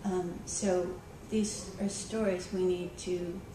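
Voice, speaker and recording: Her delivery is flat and slow, in a voice on the low side: a woman school librarian telling a story in a conversational conference talk, with plenty of ums and restarts. The conference room recording is echoey, distant, and noisy in the background.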